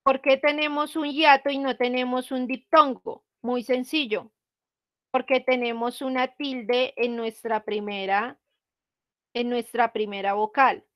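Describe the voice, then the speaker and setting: A woman teacher, speaking slowly and patiently to her students. Her voice sits high, and she checks their answers with frequent questions. The recording is close and dry. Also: fairly even intonation, dry recording. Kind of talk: online class explanation.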